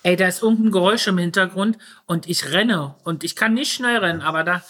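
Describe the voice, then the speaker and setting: A woman's voice: on the low side, a little fast, a bit bright. Blunt, chatty woman comedian. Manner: frank, blunt, colloquial, with restarts. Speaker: stage comedian, podcast guest. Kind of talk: casual chat.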